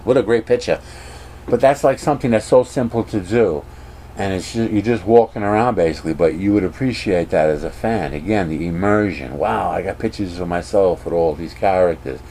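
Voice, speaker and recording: A man vlogging casually, rambling and animated as he gives strong opinions. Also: deep voice, a little fast, slight background noise.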